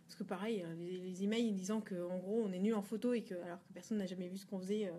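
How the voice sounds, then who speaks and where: A woman's voice: medium pitch, steady tone, fast talker, warm tone, slight background noise. A woman co-hosting a photography blog video, talking frankly and casually with many fillers. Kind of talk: casual chat.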